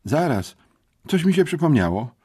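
A man voicing an eager, husky-edged village girl. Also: very animated, dark tone, dry recording, studio quality. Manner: high, breathless and quick to explain.

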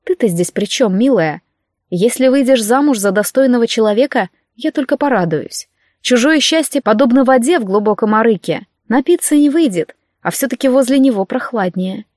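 A woman voicing a gentle, learned noble lady who speaks softly and in measured tones. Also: expressive, no room sound, clean studio sound. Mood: gentle calm. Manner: soft, lower, measured.

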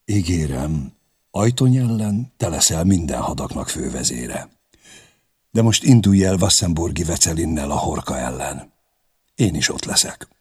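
A man doing a stern, deliberate young king. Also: low voice, animated, a little mellow, husky, exaggerated voice. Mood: grave. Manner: grave, commanding, deliberate.

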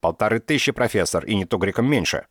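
In an audiobook, a man voices a brash, grumbling young woman hunter who haggles mockingly, pitching above his own voice. The delivery is low-ish, expressive, quick and slightly rough, in a dry, studio-quality recording.

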